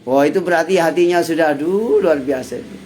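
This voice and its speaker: A Javanese-accented man, an Islamic preacher, giving a conversational study-circle sermon with loud bursts and soft asides. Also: a little high, brisk, slight background noise. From Indonesia.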